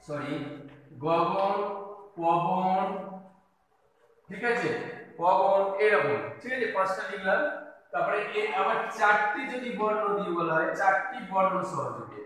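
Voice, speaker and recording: A man's voice: high-pitched, very animated, brisk, sharp tone. A man teaching a kindergarten video lesson, patiently spelling out letters and words one by one. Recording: echoey room from a distance.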